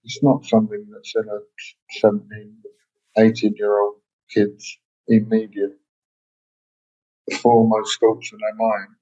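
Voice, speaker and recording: A man's voice: fairly low pitch, monotone, measured pace, pauses often, dark tone. A man in his sixties, a musician being interviewed, telling stories in a rambling way and often correcting himself mid-sentence. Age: 60s. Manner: rambling, self-correcting storyteller. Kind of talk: casual anecdotal chat. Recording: dull lo-fi sound.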